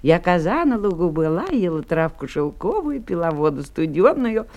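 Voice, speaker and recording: Woman as a gentle mother goat. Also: on the low side, sing-song, normal speed, pitched below the performer's own voice. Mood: singing softly. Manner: sing-song.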